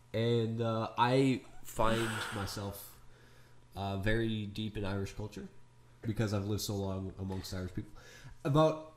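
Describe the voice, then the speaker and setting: A man's voice: fairly low pitch, slight background noise. A young man co-hosting a casual chat, rambling with many fillers and restarts. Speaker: podcast co-host.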